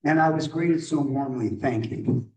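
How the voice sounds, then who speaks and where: A man running a club meeting in a relaxed, joking way, welcoming members and guests. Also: mid-range voice, far from the mic, rough recording. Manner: relaxed, joking, slow-paced. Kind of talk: casual meeting chat.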